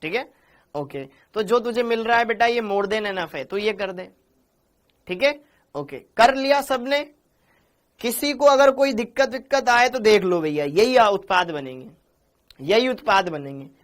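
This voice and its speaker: This high-voiced man sounds animated and speaks a little slowly. He's running a live online chemistry class, chatting away, addressing students as "beta," naming and praising them, and echoing their answers back.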